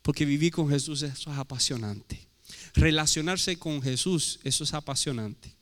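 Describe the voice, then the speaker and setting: At a moderate pace, a slightly high, somewhat bright male voice preaches a sermon. The pastor's Spanish has a Portuguese tinge, his delivery is forceful and rich in rhetorical questions, and hall reverb echoes around him.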